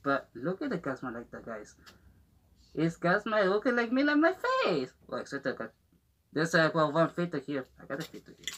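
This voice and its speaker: A man speaking through a gas mask, excitably unboxing and commenting in casual. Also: fairly high pitch, normal speed. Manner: excitable, swears and exclaims often. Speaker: unboxing vlogger. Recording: noisy home recording.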